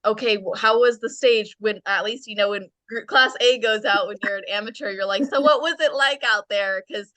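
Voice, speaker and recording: A woman's voice: medium pitch, normal speed, few pauses, bright, forceful tone, no room sound. A woman hosting a podcast, reading an upbeat intro and then chatting with her guest. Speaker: podcast host. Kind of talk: podcast interview.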